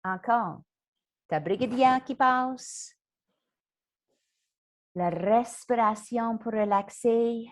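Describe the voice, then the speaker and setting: Slow, calm woman coaching mindfulness. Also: fairly high pitch. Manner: slow and calm, with soft whispered mantras. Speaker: wellness coach. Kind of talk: guided mindfulness lesson.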